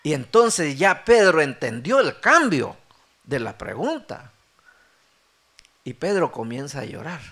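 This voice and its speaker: A middle-aged man preaching a sermon as pastor, acting out the dialogue with animated delivery. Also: a little high, slow pace, long pauses.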